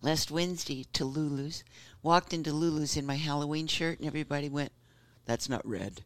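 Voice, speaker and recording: A man hosting a talk show, chatting in an animated, digressive way and laughing often. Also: on the high side, brisk, clean tone, no room sound. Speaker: host. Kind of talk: casual chat.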